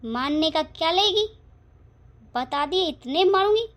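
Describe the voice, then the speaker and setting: A woman voicing a sharp-tongued, scolding mother-in-law in an animated family drama, bossy and quick to threaten. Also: extremely high pitch, heavily acted. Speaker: voice actor. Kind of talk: cartoon family drama acting.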